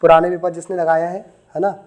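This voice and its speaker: Male maths tutor, high voice, teasing, repeats dictation to the class. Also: little pitch movement, fast, a little mellow. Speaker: maths teacher. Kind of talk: classroom lecture. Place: classroom with students.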